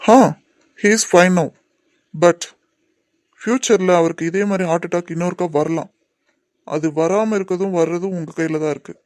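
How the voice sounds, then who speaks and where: A man with a high-pitched, steady voice voices a middle-aged father and a doctor in a cartoon drama, speaking reassuringly at a moderate pace with frequent pauses and mixing in English words. The natural, echo-free recording has the father calm at first, then worried over lost money.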